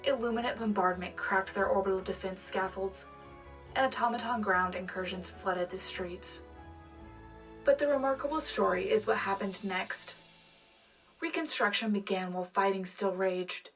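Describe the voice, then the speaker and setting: A woman's voice: mid-range voice, normal speed, faint music behind, close to an everyday voice. A woman playing an earnest, patriotic wartime radio co-anchor, reading scripted news in a sincere, dramatic way. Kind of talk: scripted newscast narration.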